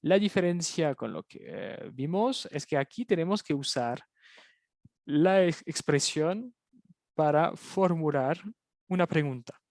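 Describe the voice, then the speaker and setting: Slow, patient male French teacher. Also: on the high side, expressive, creaky, darkish tone, no room sound, clean studio sound. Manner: slow, patient, repeats phrases for learners. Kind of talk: online language lesson, explaining in Spanish.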